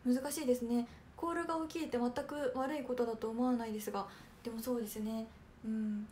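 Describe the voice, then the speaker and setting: A young woman from Kanagawa hosting a casual livestream, reading viewer comments aloud and answering politely with lots of soft fillers. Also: a little high, steady tone, quick pace, a little hiss or hum. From Kanagawa, Japan. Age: young adult. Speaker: idol trainee hosting a livestream.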